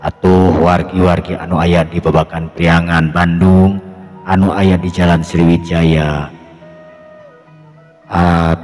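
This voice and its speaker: A storyteller and channel host, this man tells his listeners a traditional folk story in a low, darkish voice. Music plays behind him and the recording has a long, echoing reverb.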